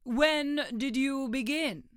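A woman voicing a pompous, impatient male king who slowly hands down stern orders at a trial. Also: sits high, no echo, clean studio sound, pitched above the performer's own voice. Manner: slow, stern pronouncements.

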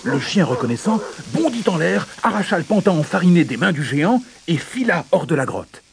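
A man reading a children's fairy tale aloud in an expressive, dramatic way. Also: high-pitched, fairly quick, creaky, a crowd in the background. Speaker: narrator. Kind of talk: storybook narration.

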